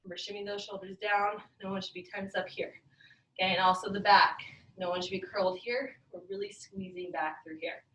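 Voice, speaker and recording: A woman leads an aerobics workout as a fitness class instructor, calling counts, breathing, and posture cues in short, encouraging commands. Her voice is medium-pitched, a bit bright, fairly quick, and evenly intoned. The recording has roomy echo, faint noise, cut-off highs, and she's far from the mic.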